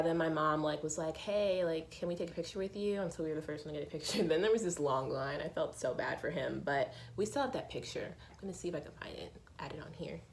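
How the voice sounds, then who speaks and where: Young woman vlogging while doing makeup, kinda low voice, lively storytelling, slight background hiss. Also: creaky, low-quality recording. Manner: animated, acts out quotes in a higher voice. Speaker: beauty vlogger. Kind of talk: casual chatty storytelling.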